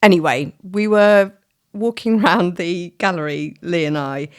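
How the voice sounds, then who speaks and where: A woman's voice: fairly low pitch, unhurried, smooth. A woman co-hosting a podcast, chatting casually and telling anecdotes with laughs mid-sentence, recorded at a dining room table at home. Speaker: podcast co-host.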